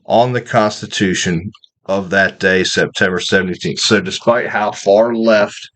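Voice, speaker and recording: A man's voice: sits low, measured pace, a bit bright. A man hosting a radio commentary, reading passages aloud and then repeating them with his own remarks and small fillers. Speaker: radio host.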